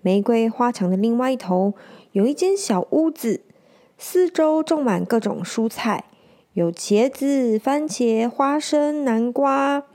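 A woman reading a children's picture book aloud, gently stopping to explain words. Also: a little high, expressive, slow pace. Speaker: storyteller.

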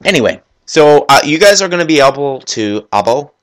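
A man hosts his own gaming podcast alone at his computer. He talks fast and with enthusiasm, rambling from point to point and restarting sentences as he goes. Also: on the high side, sing-song. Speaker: podcast host. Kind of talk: solo gaming podcast chat. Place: at his computer, working while talking.

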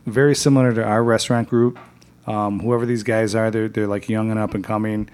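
A man hosting a casual podcast chat, laughing often and chiming in with quick agreement. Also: fairly low pitch, flat delivery, a little mellow, clean tone. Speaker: podcast host.

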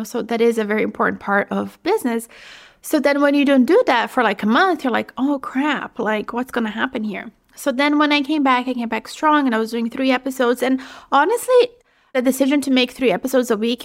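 Chatty woman podcaster, a bit breathless. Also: on the high side. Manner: chatty, frequent fillers like "you know". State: slightly out of breath. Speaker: podcast host. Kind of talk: casual solo podcast monologue.

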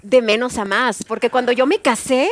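A chatty woman with a high voice tells a self-mocking story, recorded close and dry. She keeps the talk moving with quick asides. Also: no room sound. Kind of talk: casual chat.

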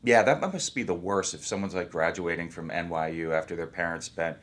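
Man, deep low voice, actor being interviewed, easygoing, thinks out loud. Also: brisk. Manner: easygoing, rambling, thinks aloud. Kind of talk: casual interview talk.

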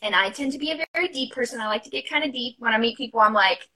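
Young woman guest, bright and slightly high voice, casual and heartfelt storytelling with many fillers. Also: expressive, racing, poor audio. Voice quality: chatty, many fillers and asides. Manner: open and heartfelt, laughs while talking. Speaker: podcast guest, new mother.

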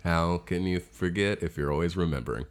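A man's voice: low-pitched, a little fast. A man co-hosting a podcast in casual chat, telling stories, laughing easily and swearing. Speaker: podcast co-host.

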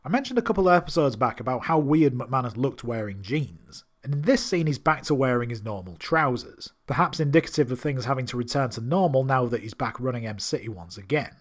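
Male recap narrator, mid-pitched, keen and wry, scripted read. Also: animated, fairly quick, few pauses. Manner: enthusiastic, wry asides. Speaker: TV series recap host.

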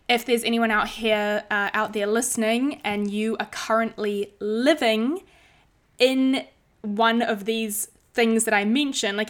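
Heavy rain can be heard behind a woman hosting her own casual podcast, where she talks informally, swears, and plays things up dramatically. Her voice is medium in pitch with a fairly bright tone.

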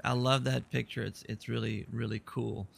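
Gravelly-voiced man hosting a podcast. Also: medium pitch, level tone, normal speed. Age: 40s. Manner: rambling, thankful, many restarts. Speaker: podcast host. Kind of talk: casual podcast chat.

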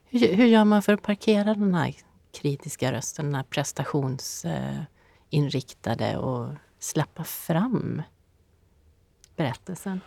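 A woman's voice: low voice, animated, gravelly, warm tone, no room sound. A woman interviewer asking questions in a hesitant way, searching for words.

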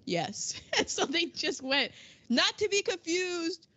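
In a very high, pushed and bright voice, this podcast co-host in her forties speaks slowly and very animatedly. She works through past events from her history notes in casual chat, quipping and performing short quotes. It's a dry recording with the highs cut off.

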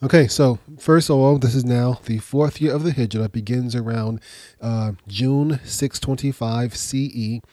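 A man's voice: mid-range voice, steady tone, dark tone, no echo. A slightly congested, nasal man getting over a cold, hosting a podcast as an informal history lecture, explaining and often rephrasing himself. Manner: explanatory, pausing to rephrase and repeat. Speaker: podcast host.

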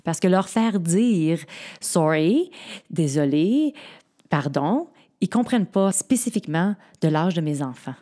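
A Québécois woman with a notably low, dark voice chats casually as a co-host, sharing stories from her own family life. She talks with frequent fillers and small pauses as she works out her thoughts. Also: lively intonation. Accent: Québécois French. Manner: shares personal family anecdotes with many fillers. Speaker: podcast co-host and mother. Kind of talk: casual chat.

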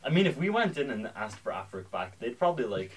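A man's voice: mid-range voice, sing-song, fast, far from the mic, a little hiss or hum, rough recording. A young man co-hosting a podcast, chatting in an offhand, jokey way. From Ireland. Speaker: podcast co-host. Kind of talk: casual chat.

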